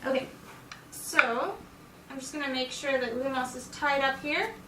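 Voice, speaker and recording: High bright woman training a dog. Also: measured pace, slight background noise. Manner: calm explaining, soft praise to the dog. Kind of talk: instructional demonstration. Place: indoors in a house. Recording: roomy sound from a distance.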